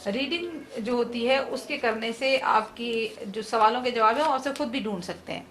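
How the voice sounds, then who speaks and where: Bright-voiced woman teaching a class. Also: a little high, moderate pace. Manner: explanatory, addresses students directly. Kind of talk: online class lesson.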